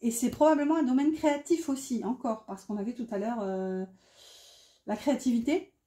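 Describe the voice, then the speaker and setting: A woman's voice: a little high, moderate pace, warm tone. A woman doing a casual tarot reading, chatty and self-mocking, with many fillers. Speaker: tarot reader. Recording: echoey room.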